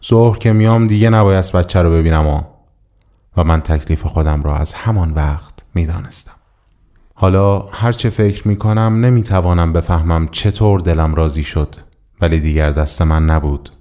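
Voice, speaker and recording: Deep-voiced man reading a somber story. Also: warm tone. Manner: measured, somber storytelling in the first person. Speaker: audiobook reader. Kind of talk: scripted literary narration.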